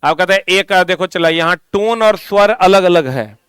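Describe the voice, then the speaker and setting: A coaching teacher with a Bihari accent gives a classroom lecture, drilling students with repeated questions and scolding them. His voice is high, a bit bright and clean, at a moderate pace, captured in a dry, clean studio recording.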